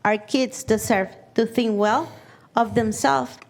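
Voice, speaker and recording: Slow, soft-spoken woman from Nicaragua. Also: on the high side, fairly even intonation, gravelly. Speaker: program graduate speaking at a public meeting. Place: public meeting chamber. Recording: crowd murmur and background noise in a meeting hall.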